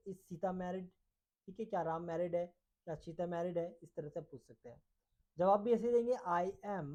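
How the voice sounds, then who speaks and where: A man with an Indian accent teaching English grammar in a bilingual lesson. He reads English examples slowly, then explains them quickly in Hindi. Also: sits high, mellow.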